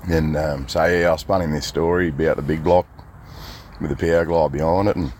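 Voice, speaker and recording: A man's voice: rumbling low, fairly even intonation, fairly quick, a little mellow, slight background noise. A man with an Australian accent, a guest chatting casually and telling anecdotes in laid-back slang. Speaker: interview guest.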